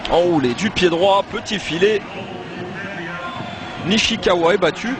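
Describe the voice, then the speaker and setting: A man giving live football match commentary, with excited exclamations when play heats up. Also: sits high, unhurried. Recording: noisy live match broadcast.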